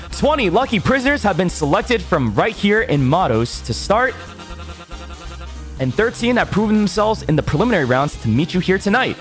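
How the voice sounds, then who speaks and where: A man voicing a showy game show host with a booming, theatrical prize announcer delivery. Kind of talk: scripted game show presenting.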